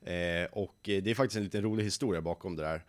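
A lively nineteen-year-old man talks in a fairly low voice, telling how his company got started. His voice is close and dry, with no room sound behind it. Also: no room sound. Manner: lively storyteller who acts out quoted voices. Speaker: young company founder, guest. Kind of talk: casual podcast interview.

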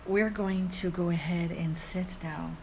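A woman who teaches meditation guides a mindfulness practice in a soothing, gentle way, with measured pauses, like a calm yoga teacher. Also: lowish voice, a little hiss or hum. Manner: unhurried, measured, with long pauses.

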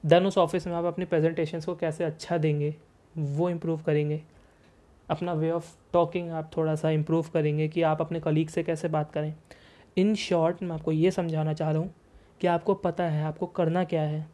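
A young man speaks in a mellow, dark-toned voice, casually advising his viewers. He often asks questions and answers them himself, and he mixes English words freely into his Hindi. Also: on the high side, flat delivery, normal speed. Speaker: vlogger giving advice. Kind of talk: casual motivational talk.

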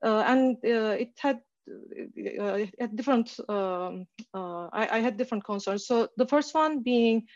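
A woman's voice: fairly high pitch, measured pace, darkish tone, no echo. Woman from turkey in her 30s giving a casual talk over a call, lots of uh and restarts, dry muffled sound. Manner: hesitant, many fillers and restarts. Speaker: guest speaker.

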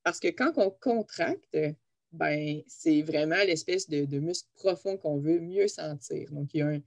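Quebec woman, physio co-host, lowish voice, dry close sound, chatty explainer. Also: a little slow, creaky, no room sound. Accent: Quebec French. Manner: chatty, laughs easily while explaining anatomy. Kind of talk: casual explanatory podcast chat.

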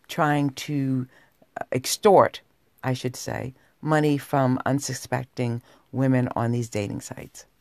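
A woman podcast host speaks in a sultry, low register with plenty of gravelly fry. She addresses her listeners directly in an unhurried, intimate monologue. The sound is dry, with no room around it. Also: a little mellow, no echo. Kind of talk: personal talk podcast monologue.

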